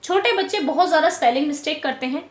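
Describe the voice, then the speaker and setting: High-voiced woman teacher, echoey room. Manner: patient, repeats words slowly syllable by syllable. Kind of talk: explaining lesson to parents.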